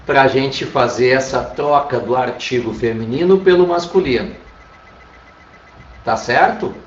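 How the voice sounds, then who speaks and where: A man with a Brazilian Portuguese accent teaching an online Spanish class, patiently repeating "tá?" to check that students follow. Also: mid-range voice. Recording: roomy, distant, dull lo-fi sound.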